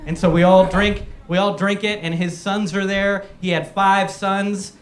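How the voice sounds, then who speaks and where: High-voiced man doing stand-up in an echoey room. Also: measured pace. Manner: animated storytelling with acted-out voices. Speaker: stand-up comedian. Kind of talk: stand-up comedy set. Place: comedy showcase room with live audience.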